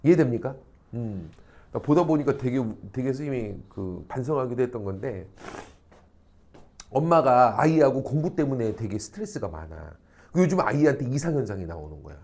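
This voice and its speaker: Animated male teacher lecturing a class. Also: medium pitch, a little fast. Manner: animated, acts out quoted people, frequent rhetorical check-ins, salty slang. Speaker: high school social studies teacher. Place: academy classroom.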